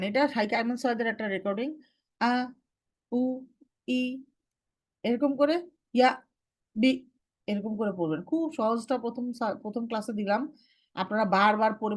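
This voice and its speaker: A young woman with a slightly high voice leads a recitation class. She gives firm, step-by-step instructions and slows right down to model each sound for her students. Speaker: Quran recitation teacher.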